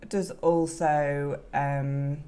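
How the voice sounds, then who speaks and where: Lowish-voiced New Zealand woman, chatting casually. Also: level tone, drawn-out words, warm tone. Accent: New Zealand, southern South Island. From New Zealand, South Island. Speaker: co-host of a knitting and crafting podcast. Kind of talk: casual unscripted co-host chat.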